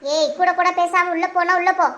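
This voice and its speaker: A woman's voice: extremely high pitch, fairly even intonation, moderate pace, pushed and bright. A woman voicing a harsh, scolding mother-in-law in a cartoon, bossy and contemptuous.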